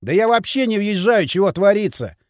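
A man's voice: sits high, expressive, brisk, dry recording, studio quality. A man voicing a frightened young male gang leader making excuses in a panic. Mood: scared.

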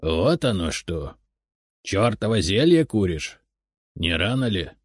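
A man reading a story aloud, voicing a cranky, mocking old grandfather in a raised, shrill voice. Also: big pitch swings, takes it slowly, dry recording, clean studio sound, full character voice.

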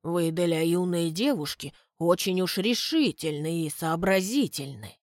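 A woman voicing a courteous, shrewd middle-aged male butler who speaks in a measured, inquiring way. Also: on the low side, no echo, clean studio sound, close to an everyday voice. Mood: calm, reasoning.

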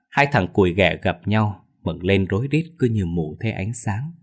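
Man, very low voice, ghost story narration, steady, measured.

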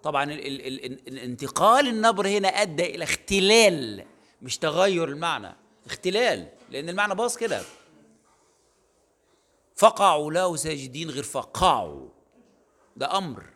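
A very animated man with a slightly high, fairly bright voice speaks briskly but leaves long pauses. He lectures at a university in a recorded online session, his Egyptian accent clear, his explanations casual and full of fillers and self-corrections.

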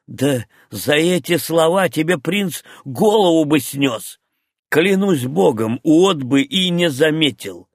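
A man voicing a loud, mocking young English squire in an audiobook reading. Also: fairly high pitch, animated, slow pace, dry recording, clean studio sound, voice pushed up, heavily acted. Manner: jeering, boisterous.

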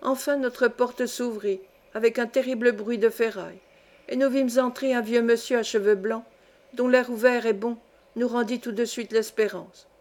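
A woman reading a classic novel aloud as an audiobook narrator, in an even, measured storytelling manner. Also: fairly high pitch. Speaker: audiobook reader.

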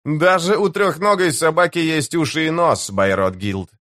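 Guy doing a proud young warrior chief, bold and bossy, pitched up high, dry close sound. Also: normal speed, a bit bright, no echo, natural voice. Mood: commanding. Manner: bold, declaiming, commanding.

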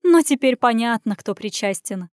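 Woman doing a bossy scheming head nurse, high shrill voice, rapid indignant scolding, dry close recording. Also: lively intonation, darkish tone, clear, resonant tone, no echo, close to an everyday voice. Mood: contemptuous.

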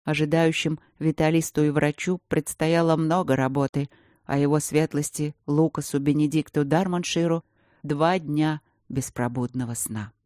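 Female narrator, very low voice, dry close recording, measured audiobook read. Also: fairly even intonation, darkish tone, no room sound. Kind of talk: scripted narration.

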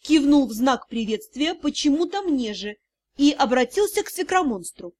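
A woman reads a first-person fantasy audiobook with lively, expressive delivery. Her voice sits fairly high for a woman. The narration is scripted and steady. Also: normal speed.

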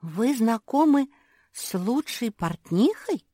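A prim, fussy pug sister from a storybook, voiced by a woman. She is very high and bouncy in pitch and scolds in a lively way. The sound is dry. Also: a little slow, dry recording. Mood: scolding. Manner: scolding and giggly. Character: prim, giggly pug sister, young female.

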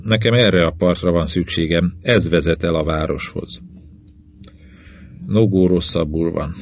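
Deep-voiced man narrating a novel. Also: slight background noise. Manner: measured, even reading in short phrases. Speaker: audiobook narrator. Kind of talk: first-person novel reading. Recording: dull lo-fi recording.

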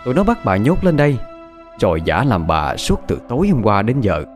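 A man's voice: mid-range voice, huge pitch swings, fairly quick, faint music behind. A man narrating a horror story in a dramatic, suspenseful way.

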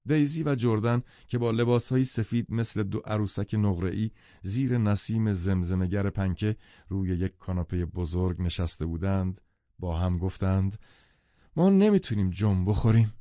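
A man narrating an audiobook in a measured, even reading. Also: sits low, dry recording, muffled recording. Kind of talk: scripted literary narration.

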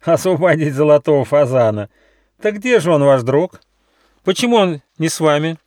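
A man's voice: fairly high pitch, lively intonation, normal speed, no room sound, clean studio sound, voice pushed up, lightly acted. A man voicing a cunning old grey male fox, a chief inquisitor who talks in a mock-sweet, theatrical, sneering way. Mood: sneering, stern. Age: older.

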